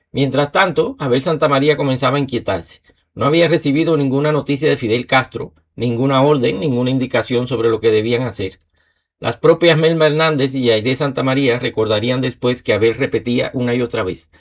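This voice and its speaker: A man narrating a history documentary in a measured, steady way. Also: mid-range voice.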